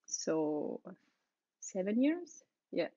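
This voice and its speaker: With a French accent, a thirty-something French aerialist chats through interview questions, dropping fillers and little laughs as she goes. Her mid-range voice is very animated and mellow. The sound is lo-fi with no room sound.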